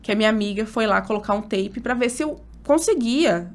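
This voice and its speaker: Woman, thirties, rather high voice, obstetrician guest, casual interview, emotional animated storytelling, many fillers. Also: fairly quick.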